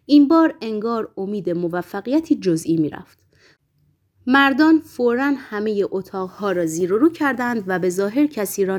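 A woman narrating a novel as an audiobook, with measured, dramatic storytelling. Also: medium pitch, a little mellow. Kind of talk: scripted literary narration.

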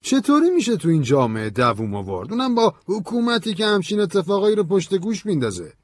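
Storybook: heated defiant man, pitched up, loud, male narrator. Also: big pitch swings, dry recording, studio quality. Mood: urgent. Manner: heated, forceful. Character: fiery young man, outspoken and defiant.

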